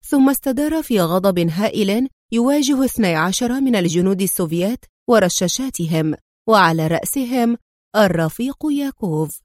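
Woman reading a spy audiobook, mid-pitched, dry close sound. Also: expressive, moderate pace, darkish tone, dry recording. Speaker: storyteller. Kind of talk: dramatic audiobook narration.

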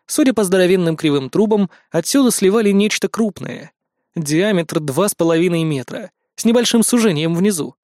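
A man's voice: high voice, lively intonation, normal speed, darkish tone, no echo, studio quality. A man reading a first-person audiobook narration in a wry, matter-of-fact way.

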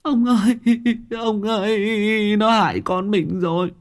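A man doing a shrill, wailing mother. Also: fairly even intonation, takes it slowly. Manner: high wailing, pleading, near tears. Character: frantic middle-aged mother, shrill and desperate.

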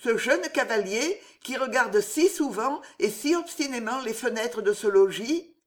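A woman reads as a noble mother in a historical storybook, her voice gentle and tender, a little raised in pitch, with a lively lilt. Beneath the softness sits a calm firmness. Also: measured pace.

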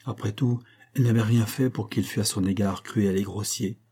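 A man narrating a classic novel as an audiobook in a measured, even reading. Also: lowish voice, husky. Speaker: audiobook reader.

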